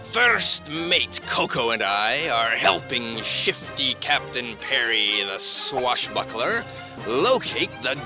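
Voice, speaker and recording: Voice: mid-range voice, sing-song, slow pace, music in the background. A jolly pirate host. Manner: boisterous pirate talk. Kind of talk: children's TV puppet comedy.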